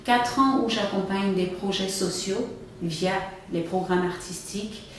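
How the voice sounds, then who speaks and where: A woman's voice: mid-range voice, measured pace. Cameroon-born woman explaining her event work, sounds far off in a really echoey room. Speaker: event organizer, guest. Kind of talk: interview answers. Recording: echoey room, far from mic, faint noise.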